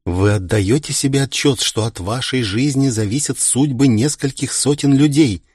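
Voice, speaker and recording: A man's voice: mid-range voice, moderate pace, a little mellow, slightly rough, dry recording, clean studio sound, lightly acted. A man voicing a strict, scolding middle-aged woman who looks after a young clan heir. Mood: stern. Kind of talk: audiobook character reading.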